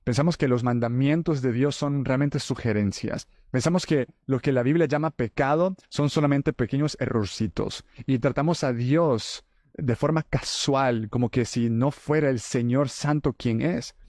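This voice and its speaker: Guy hosting a faith podcast, dark mellow voice, dry close sound, earnest and chatty. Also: mid-range voice, moderate pace, dry recording. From El Salvador. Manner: earnest, conversational preaching. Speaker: podcast host.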